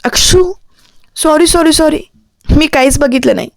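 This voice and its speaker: A woman's voice: sits high, creaky, dry recording, studio quality, voice pushed up. A woman voicing a mischievous young woman who playfully teases her brother. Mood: teasing. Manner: playful, mocking, quick.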